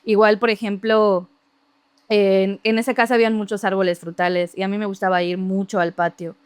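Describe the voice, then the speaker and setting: A woman telling a story from her childhood in casual, lively conversation, laughing often and imitating other people's voices. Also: mid-range voice, normal speed, clear, resonant tone, no room sound. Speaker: podcast guest.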